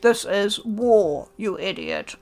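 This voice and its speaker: A woman's voice: mid-range voice, huge pitch swings, slow pace, a little mellow, faint music behind, exaggerated voice. A woman voicing a stern, harsh male samurai commander who scolds with contempt. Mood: scornful.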